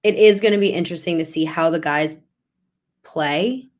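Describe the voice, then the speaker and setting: A young woman hosts a sports podcast in a low-pitched voice at a normal pace. She talks casually but grows animated, her speech rising with emphasis.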